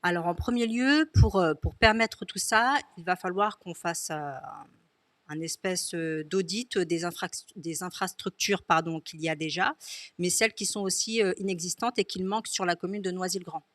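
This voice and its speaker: A woman's voice: on the low side, normal speed. A woman who is a municipal candidate, speaking in a hesitant way and often correcting herself. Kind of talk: political discussion.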